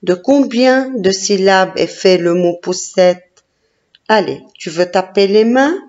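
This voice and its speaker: Slow, encouraging woman teacher. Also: medium pitch, darkish tone. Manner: slow, encouraging, sounding out syllables. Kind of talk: classroom phonics lesson. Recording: dull lo-fi recording.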